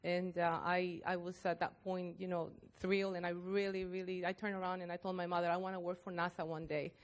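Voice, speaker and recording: A woman in her fifties from Costa Rica, a NASA civil servant telling her story on a panel in an earnest, halting way with many fillers. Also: fairly low pitch, flat delivery. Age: 50s. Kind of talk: panel talk, personal story.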